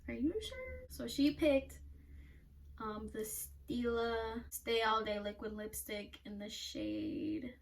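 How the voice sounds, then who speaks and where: A woman's voice: mid-range voice, animated, slow pace. Blunt, self-mocking young woman. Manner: blunt, self-mocking, swears a lot, laughs often. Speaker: beauty vlogger. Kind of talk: casual makeup vlog chat. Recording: somewhat distant mic with faint noise.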